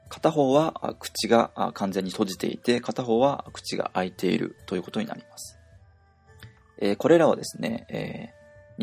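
A man teaching a pronunciation lesson, explaining slowly with many hesitation fillers. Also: on the low side, gravelly, darkish tone. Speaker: language teacher.

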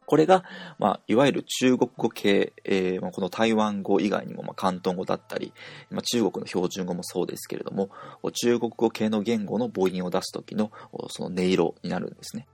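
A low, gravelly male voice from Japan leads an audio pronunciation lesson. He explains patiently, stopping often to demonstrate each sound, in a dry, close recording with faint music underneath. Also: fairly quick, a little mellow, no room sound. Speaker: language teacher.

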